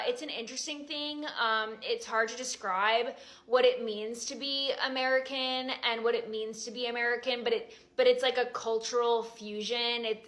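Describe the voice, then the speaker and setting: Woman, halting interviewee, slightly high voice. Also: fairly bright tone. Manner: hesitant, many fillers. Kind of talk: halting on-camera statement.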